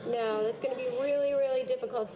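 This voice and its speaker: A woman from a school program narrating a video and coaching students in an encouraging, gently corrective way. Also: sits high, fairly even intonation, fast, a crowd in the background. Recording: dull lo-fi video audio with music. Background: background music.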